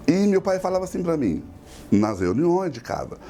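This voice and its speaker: A man's voice: a little high, sing-song, moderate pace, mellow. A middle-aged man, a pastor, giving an emotional, tearful personal testimony.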